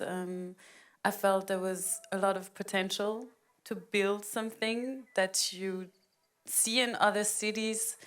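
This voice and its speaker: A woman in her thirties from Rwanda, speaking as a panel guest in a reflective, hesitant way with frequent pauses and laughs. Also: mid-range voice, fairly bright tone. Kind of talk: panel conversation.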